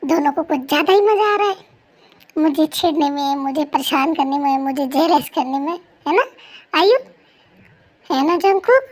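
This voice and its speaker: A woman's voice: high voice, animated, moderate pace, darkish tone. A woman playing a jealous, short-tempered young wife who scolds in an exasperated way, in a fan story role-play.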